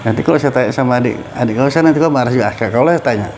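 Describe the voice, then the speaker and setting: A man's voice: mid-range voice, very fast, darkish tone. Middle-aged man, religious teacher, casual study circle, asks listeners questions, faint background noise.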